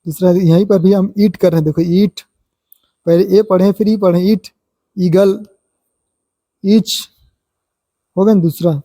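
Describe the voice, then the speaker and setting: A man teaching English pronunciation in a spoken lesson, stepping through numbered rules and repeating example words slowly. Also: sits high, steady tone, mellow, no room sound.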